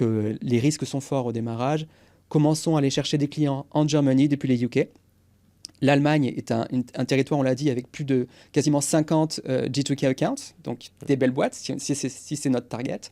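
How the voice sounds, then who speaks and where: Mellow-voiced man explaining business strategy. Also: medium pitch. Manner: energetic, explanatory, sprinkles English business jargon. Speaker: podcast guest, go-to-market consultant. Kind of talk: conversational podcast interview.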